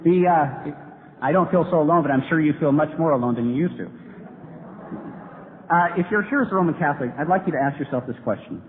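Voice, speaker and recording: A man's voice: fairly high pitch, fairly quick. A man giving an earnest debate speech to a live audience in a large hall, building to emphatic points. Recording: tinny lo-fi hall recording with hiss.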